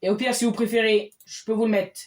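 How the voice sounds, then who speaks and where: Excitable man cheering over a game. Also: sits high, quick pace. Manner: excitable, bursts into loud cheers. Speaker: game streamer. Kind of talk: casual gameplay commentary.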